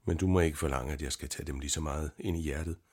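A man voicing a calm, gentle young scholar in an audiobook reading, with a husky voice and a measured, reasoning way of talking. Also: extremely low pitch.

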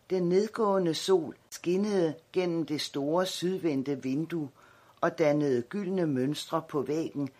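Husky male audiobook narrator. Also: on the high side.

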